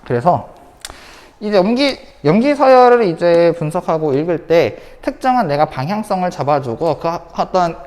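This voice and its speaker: Lively woman teaching a science class. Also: fairly low pitch, moderate pace, in a large hall. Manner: lively, repeats key points, asks rhetorical questions. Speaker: high school science teacher. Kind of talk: online lecture.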